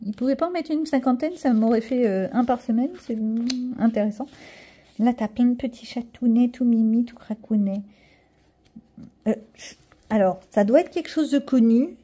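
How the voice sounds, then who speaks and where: Middle-aged woman rambling through a haul video, very dark mellow husky voice, pokes fun at herself. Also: a little high, normal speed. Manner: rambling, chatty, self-mocking asides. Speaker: vlogger showing a coloring-book haul. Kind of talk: casual chat to camera.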